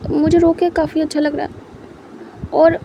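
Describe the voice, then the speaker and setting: A woman voicing a soft-spoken young man who apologizes and consoles, sometimes stammering, in a story reading. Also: high voice, level tone, measured pace, a little hiss or hum. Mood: apologetic.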